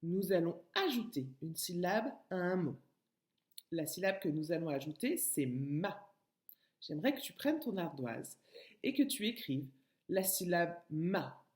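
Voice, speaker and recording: Slow, patient woman teacher, echoey room. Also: fairly low pitch, sing-song, a little mellow. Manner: slow, patient, addresses child directly. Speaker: kindergarten teacher. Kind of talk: recorded remote lesson.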